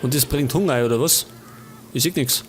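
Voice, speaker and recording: A man's voice: medium pitch, fairly quick, slight background noise. A man with a Bavarian accent casually commenting on a life-sim game as a let's play host, chatting and grumbling at the characters.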